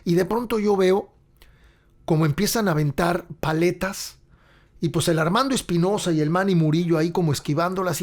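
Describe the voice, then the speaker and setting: A middle-aged man with a Mexican accent, hosting a podcast and telling long, rambling anecdotes full of slang. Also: fairly high pitch. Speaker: podcast host and rock musician. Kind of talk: casual storytelling monologue.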